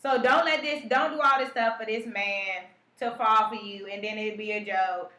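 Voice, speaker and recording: Bright-voiced woman co-hosting a live chat. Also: mid-range voice, moderate pace, roomy sound. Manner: blunt, slangy, reads viewer comments. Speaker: co-host. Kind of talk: casual live-stream chat.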